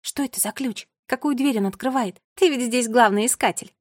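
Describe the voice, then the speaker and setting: A woman reading aloud, voicing a bossy, orderly girl who talks in a sharp, commanding way in a storybook. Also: a little high, fairly quick, dry recording, studio quality, close to an everyday voice. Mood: smug.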